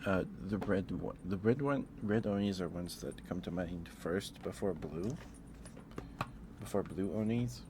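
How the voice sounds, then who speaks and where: Low-pitched and unhurried, a live streamer hosts a casual ASMR stream, hesitating, musing, and repeating himself as he rambles. Clear background noise runs underneath.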